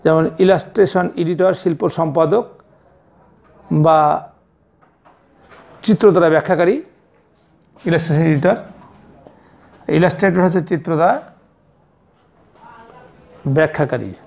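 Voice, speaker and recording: A male primary school teacher with a Bangladeshi accent, giving a slow classroom lesson and spelling out words letter by letter. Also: on the high side, creaky, darkish tone. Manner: spells words letter by letter, repeats each meaning several times.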